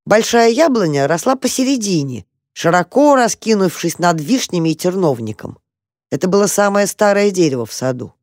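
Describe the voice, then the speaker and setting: Calm storybook narrator, dry sound. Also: mid-range voice, moderate pace, no echo.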